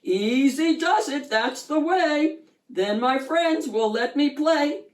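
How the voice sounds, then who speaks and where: Woman acting young boy shark, storybook, exuberant, loud, slow stretched-out words, swooping pitch. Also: animated, reverberant, recorded from a distance. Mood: pleased, determined. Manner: shouting, drawn-out enthusiastic delivery.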